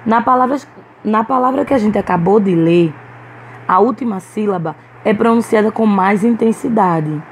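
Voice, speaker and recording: A woman's voice: mid-range voice, normal speed, slight background noise, poor audio. A woman teacher with a Brazilian Portuguese accent giving a recorded lesson to young children, patiently sounding out words syllable by syllable. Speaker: primary school teacher. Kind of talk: recorded online class.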